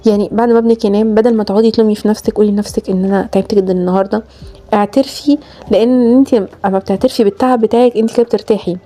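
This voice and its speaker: A woman's voice: mid-range voice, fairly even intonation, very fast, dark tone. A woman with an Egyptian Arabic accent, a mother coaching other mothers on parenting, earnest and addressing the viewer directly. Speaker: mother giving parenting advice. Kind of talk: direct-to-camera advice talk.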